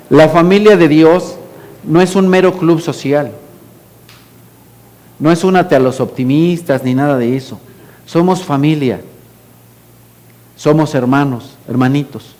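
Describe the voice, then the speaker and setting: A middle-aged man with a Mexican Spanish accent, preaching a sermon as pastor in a conversational way, dropping to a hushed voice for quoted lines. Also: on the high side.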